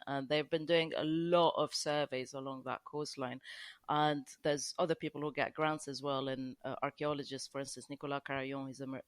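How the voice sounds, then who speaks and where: On a podcast, a low-voiced Lebanese archaeologist goes into long explanations, frequently starting over and dropping in "you know". There's no reverb on the recording.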